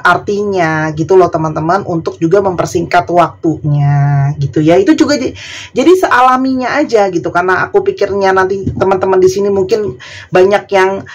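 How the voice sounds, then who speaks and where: A woman from Indonesia doing a tarot reading in a chatty, casual way, sometimes soft and dreamy, sometimes firm. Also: fairly low pitch, moderate pace, slightly rough. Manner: chatty, soft and dreamy at times, laughing asides. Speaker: tarot reader.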